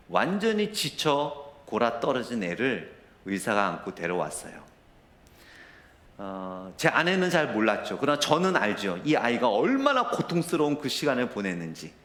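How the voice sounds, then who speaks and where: A man's voice: on the low side, fairly bright tone. A middle-aged man preaching a sermon as a pastor, telling a personal story and rising to emotional intensity. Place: church sanctuary. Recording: roomy church echo.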